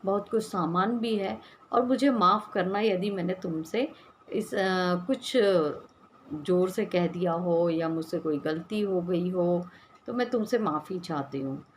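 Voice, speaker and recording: A woman's voice: lowish voice, takes it slowly, slight background noise. A woman voicing an elderly, weary mother-in-law in a spoken story, curt and tired. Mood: resigned.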